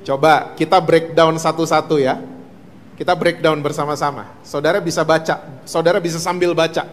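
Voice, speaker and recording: Brief: male pastor, high voice, sermon, long church reverb. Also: fairly even intonation, normal speed, soft background music. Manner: mixes English words, asks the congregation questions. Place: church hall.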